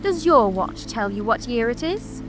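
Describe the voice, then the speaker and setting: High-pitched, swooping, eccentric Mad Hatter. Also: female voice, sing-song, a little slow, noisy background. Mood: grumbling. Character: mad Hatter, grumbling, mournful, whimsical tea-party eccentric. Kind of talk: full-cast dramatic audiobook reading.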